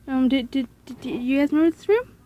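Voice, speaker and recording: A woman narrates her own horror game playthrough, thinking aloud with hesitant stops and fillers. Her voice is a little high yet mellow and dark in tone. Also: expressive, fast, muffled recording. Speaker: gamer playing a horror game. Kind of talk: let's play commentary.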